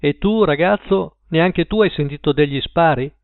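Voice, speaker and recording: A man's voice: a little high, moderate pace, gravelly, clear, resonant tone, no room sound. A man reading an audiobook and voicing a policeman who questions a boy firmly. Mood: questioning. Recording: tinny phone-like line.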